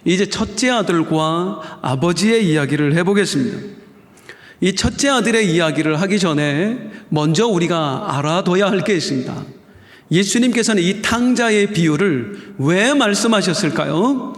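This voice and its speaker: A man's voice: sits high, lively intonation, normal speed. A male pastor preaching a dramatic sermon to his congregation in a church. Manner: dramatic, rising and falling, addresses the congregation. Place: church sanctuary. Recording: echoey hall.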